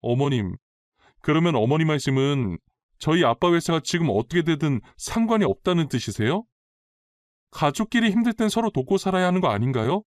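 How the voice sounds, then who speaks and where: A man's voice: a little high, big pitch swings, fairly quick, no room sound, clean studio sound. A man voicing a demanding young daughter-in-law who talks insistently and defiantly, for a dramatized story reading. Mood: pleading.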